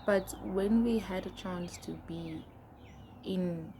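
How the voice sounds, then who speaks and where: A young woman with a South African accent speaks in a slightly low register. She reads aloud and adds chatty, expressive asides like a casual vlogger. There is noticeable background noise in the recording. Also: takes it slowly. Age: young adult. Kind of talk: casual reading of old diary entries with asides.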